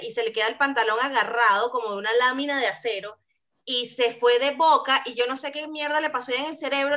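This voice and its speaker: Bright high Venezuelan woman telling stories. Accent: Venezuelan Spanish. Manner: lively, vulgar, animated storyteller. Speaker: podcast co-host. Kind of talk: casual chat, storytelling.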